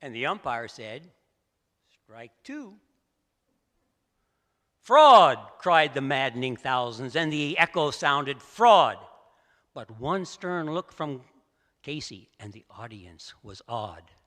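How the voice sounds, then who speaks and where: A male storyteller giving a theatrical poetry recitation, swinging from hushed lines to loud outbursts in a large assembly hall. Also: mid-range voice, animated, measured pace. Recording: echoey hall.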